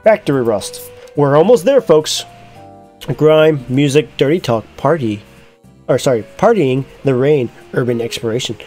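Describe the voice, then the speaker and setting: A man's voice: medium pitch, animated, moderate pace, darkish tone, faint music behind. Crude, laughing male gamer. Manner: crude, laughing, exasperated reactions. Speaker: gaming YouTuber. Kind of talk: let's-play commentary.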